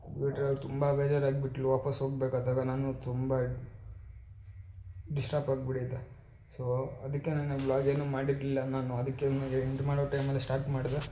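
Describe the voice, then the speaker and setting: A man talking casually to his viewers in a personal vlog, quiet and reflective. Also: mid-range voice, completely flat delivery, a little fast, echoey room, slight background noise. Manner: loud and playful with family, then quiet and reflective. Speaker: vlogger. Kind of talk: casual vlog talk to camera.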